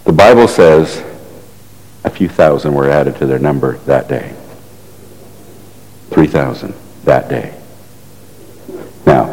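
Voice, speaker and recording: A man's voice: a bass voice, a little mellow. A man preaching a sermon, telling a story in a conversational way and asking the congregation rhetorical questions. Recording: echoey hall reverb.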